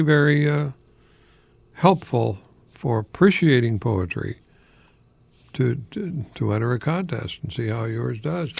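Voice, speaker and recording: An older American man who is a college professor and radio host delivers an informal radio monologue in a mid-range voice with vocal fry. He rambles and hesitates, dropping in chuckling asides.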